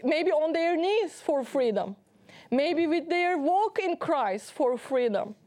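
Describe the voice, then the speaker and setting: This woman, a talk show guest with a heavy Turkish accent, tells her personal story earnestly and animatedly, laughing often as she goes. She speaks slowly in a fairly high, slightly mellow voice.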